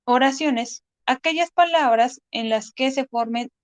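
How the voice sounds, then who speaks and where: A woman with a Mexican Spanish accent teaches an online lesson, her voice pitched somewhat high. She explains step by step in a patient manner, stopping often on "eh". The recording is close and dry, with no room sound. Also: measured pace, no room sound. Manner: patient, explanatory, with frequent "eh" fillers. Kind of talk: online class lecture.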